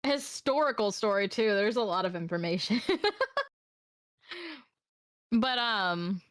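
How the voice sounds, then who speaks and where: A woman's voice: mid-range voice, slow, fairly bright tone, no room sound. Giggly young woman, dry close mic. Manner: giggly, reads history aloud and breaks into laughter. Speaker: podcast co-host, history storyteller. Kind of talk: casual streamed podcast chat.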